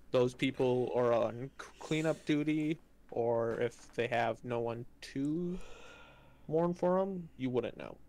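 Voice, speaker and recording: A man's voice: mid-range voice, darkish tone. Male game master, hesitant delivery full of ums, voice a bit strained. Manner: hesitant, many ums and restarts. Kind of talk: narrating a tabletop game.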